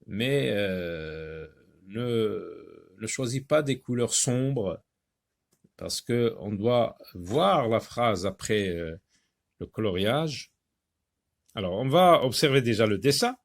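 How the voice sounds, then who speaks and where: A man teaching a reading lesson to young children, repeating words slowly and patiently with many hesitant fillers. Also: on the low side, lively intonation, vocal fry. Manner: slow, patient, repeats words and syllables for learners; frequent hesitations with drawn-out fillers.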